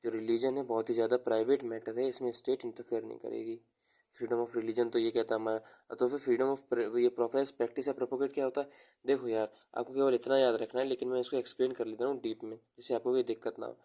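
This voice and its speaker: A young man teaching an exam-prep lecture, explaining slowly, repeating key terms while he writes and mixing Hindi with English terms. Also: mid-range voice, level tone, dark tone.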